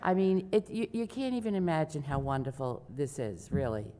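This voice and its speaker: A woman's voice: deep voice, very animated, brisk, warm tone. A woman giving public comment as a resident, grateful and emotional, stumbling and restarting as she talks. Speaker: resident speaking at a hearing. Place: village hall meeting room. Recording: reverberant hall with faint noise.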